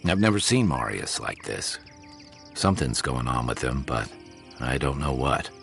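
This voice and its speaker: An actor playing a calm, reassuring adventurer companion in a fantasy video game. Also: male voice, very deep voice, normal speed, gravelly, soft background music, heavily acted.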